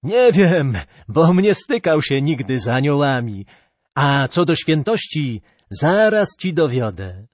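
A man's voice: on the high side, big pitch swings, slow pace, dry recording, full character voice. A man voicing a lame old-robber fiddler. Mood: confessing. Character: lame ragged male fiddler, reformed robber, blunt and humble.

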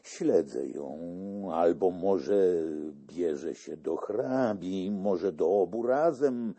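A man's voice: sits low, drawn-out words, mellow, husky, heavily acted. A man voicing a scheming older monk who scolds and pleads earnestly in a classic storybook reading. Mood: urgent.

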